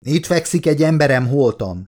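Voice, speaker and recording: A man's voice: mid-range voice, big pitch swings, darkish tone, pitched above the performer's own voice. A man voicing a commanding male captain in an audiobook, barking orders. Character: commanding ship captain, middle-aged man.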